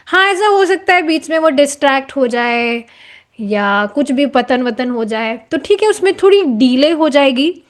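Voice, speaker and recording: A woman's voice: sits high, animated, a little slow. A woman explaining a devotional book to a class in a conversational way, slipping in English phrases and asking her listeners rhetorical questions.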